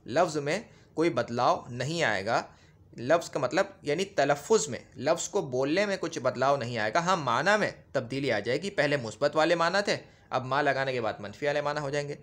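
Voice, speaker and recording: A man's voice: fairly high pitch, a bit bright. A man teaching a grammar lesson, explaining patiently, repeating points and often checking that his listeners follow. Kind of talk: classroom grammar lecture.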